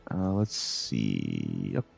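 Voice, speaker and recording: A man giving relaxed, rambling commentary while playing a video game, with plenty of filler words. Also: very deep voice, very slow, vocal fry, husky, soft background music. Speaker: gameplay commentator. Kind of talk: casual gameplay commentary.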